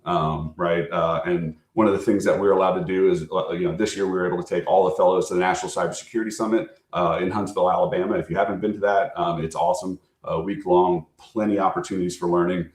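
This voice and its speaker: A low-voiced American man delivers a recruiter's pitch in an informal presentation. He is conversational and keeps checking that listeners follow. The sound is noticeably roomy and echoing. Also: fairly even intonation, fast. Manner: conversational, frequently checking in with "right?". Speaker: recruiter and fellowship program manager.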